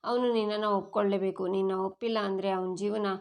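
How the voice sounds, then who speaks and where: A woman voicing a scheming, menacing rich father in a serial story recap, speaking low and measured. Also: fairly even intonation, natural voice.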